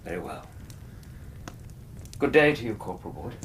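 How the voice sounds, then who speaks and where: Deep-voiced, earnest English Doctor Watson. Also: male voice, sing-song, heavy background noise. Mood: calm, firm. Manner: measured, earnest, gently firm. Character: decent, earnest gentleman doctor and ex-soldier, loyal companion. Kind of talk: radio drama acting and narration.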